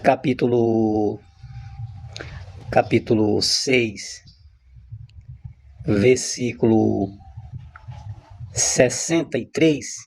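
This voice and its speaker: Husky-voiced man teaching on scripture. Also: mid-range voice, extremely slow, pauses often, darkish tone. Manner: repetitive, emphatic, with frequent restarts. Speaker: religious teacher. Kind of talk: spontaneous spiritual teaching monologue.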